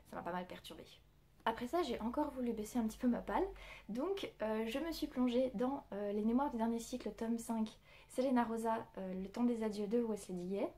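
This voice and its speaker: A woman talks through her month's reading with chatty enthusiasm, often pausing on fillers and restarting her sentences. Her voice sits a little high but has a mellow, soft tone. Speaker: book vlogger. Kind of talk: casual monthly reading review.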